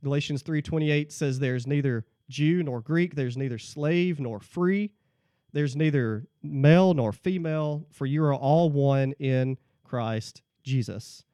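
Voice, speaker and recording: A man's voice: on the high side, unhurried, warm tone, no room sound, studio quality. A man talking about the Bible in a casual discussion, laying out points one by one and often checking in with "okay?". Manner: explains point by point, tags lines with "okay?". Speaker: guest.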